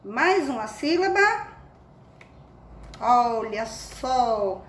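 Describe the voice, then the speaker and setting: A woman's voice: a little high, very animated, extremely slow, roomy sound, slight background noise. A Brazilian woman who teaches reading to young children, giving a phonics lesson and speaking affectionately as she sounds out syllables one at a time. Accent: Brazilian Portuguese.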